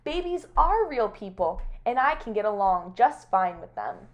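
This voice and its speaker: A woman's voice: mid-range voice, big pitch swings, measured pace, highs cut off. A woman voicing a cheerful, literal-minded housekeeper from a storybook who talks in homespun sayings. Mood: earnest, bubbly. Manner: homespun sayings, bright and eager.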